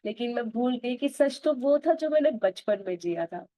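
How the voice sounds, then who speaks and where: Warm-voiced woman repeating gentle affirmations. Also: a little high, expressive, no echo, poor audio. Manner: repeats loving phrases slowly, mixing Hindi with English. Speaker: self-help speaker. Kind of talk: spoken self-affirmations and gratitude practice.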